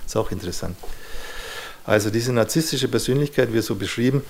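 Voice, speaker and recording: A man's voice: medium pitch, fairly quick, vocal fry. A man giving a lecture on psychology to an audience, thoughtful and searching for words, with frequent small verbal fillers.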